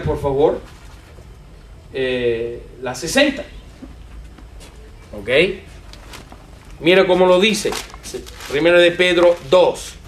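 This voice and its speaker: Slow, high-voiced preacher in an echoey church. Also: male voice, a little hiss or hum. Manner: animated, repeats words, asks the audience questions. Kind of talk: sermon teaching. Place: church with a congregation.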